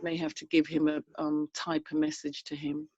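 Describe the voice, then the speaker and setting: A woman's voice: low voice, monotone, moderate pace, darkish tone, no echo. A woman co-hosting a casual video-call chat, effusive and chatty. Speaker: co-host. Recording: dull, dry video-call audio.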